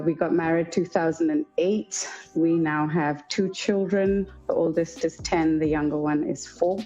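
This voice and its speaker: A woman's voice: on the low side, warm tone, lo-fi sound. A woman in her thirties, raised in Pakistan and England, chatting casually as an interview guest and often asking "do you know what I mean". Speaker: interview guest, homeschooling mum. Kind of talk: casual conversation on a livestream.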